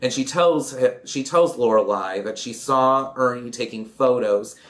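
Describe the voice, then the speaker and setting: A man's voice: mid-range voice, measured pace. A man chatting in a campy, dramatic way while recapping an old film and doing his makeup, with giggly asides. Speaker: vlogger.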